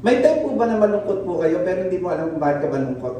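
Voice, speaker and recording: A male pastor with a Filipino accent preaches a conversational sermon, often questioning the congregation and mixing in English. His high voice is very animated, fast, and dark in tone. The mic sits at a distance in an echoey church hall, with a little hiss or hum.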